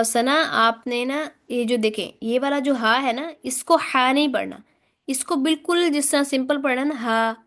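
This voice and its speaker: A woman teaching a Quran recitation class, patiently repeating sounds and chanting phrases slowly, with her praise spoken very softly. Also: on the high side. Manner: slow, patient, demonstrates sounds by repeating them.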